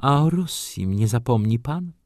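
A man's voice: medium pitch, lively intonation, measured pace, no room sound, clean studio sound, voice pushed up. A man putting on a proud young noblewoman. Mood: cool.

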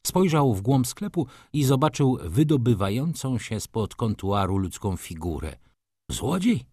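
A man narrating a novel in an expressive, animated storytelling voice. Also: mid-range voice, moderate pace, no echo, studio quality. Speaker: audiobook narrator. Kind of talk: scripted literary narration.

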